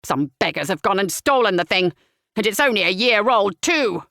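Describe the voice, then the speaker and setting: A woman's voice: mid-range voice, lively intonation, moderate pace, bright, forceful tone, dry recording, studio quality. Woman voicing a blustering old retired major. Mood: indignant. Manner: grumbling, indignant bluster. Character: blustering, pompous retired army major, older man.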